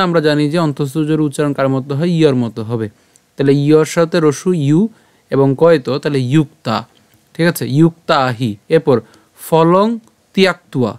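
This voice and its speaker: A man teaching how to pronounce a verse, reciting it slowly syllable by syllable and patiently explaining each sound. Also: fairly high pitch, a little mellow, smooth, no room sound. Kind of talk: pronunciation lesson.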